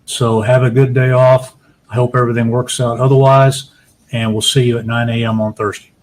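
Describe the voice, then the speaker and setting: A man's voice: medium pitch, little pitch movement, fairly quick, a little hiss or hum. A man speaking as a judge, addressing a jury in a courtroom in a plain-spoken, courteous, procedural way.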